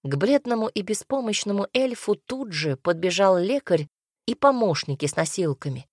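A woman narrating a first-person fantasy audiobook with wry, lively storytelling. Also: mid-range voice, normal speed, breathy edge, no echo, studio quality.

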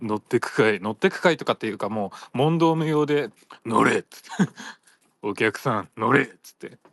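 A man's voice: fairly low pitch, a bit bright, no echo. A man hosting a solo audio chat, rambling casually and playfully, laughing often and slipping into silly voices.

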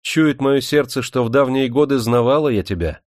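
A man voicing a blind young Roma woman, tender and sorrowful, speaking softly and plaintively. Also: mid-range voice, moderate pace, dry recording, studio quality, pitched above the performer's own voice, lightly acted. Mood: yearning. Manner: soft, plaintive.

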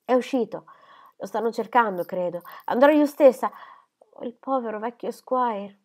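A woman's voice: on the high side, lively intonation, normal speed, darkish tone, voice pushed up, natural voice. A woman reading aloud and voicing an anxious, determined young woman who speaks urgently. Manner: urgent, pleading.

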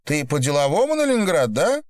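A man voicing an excitable, tipsy teenage girl at a club, talking quickly and brashly in a raised voice. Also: on the high side, no echo, pitched above the performer's own voice. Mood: eager.

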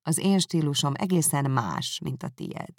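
Woman playing a proud cool young gent, low, measured, kinda dry and picky. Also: expressive, no echo. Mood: curt. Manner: cool, measured, dryly critical. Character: reserved proud young gentleman, cool and curt.

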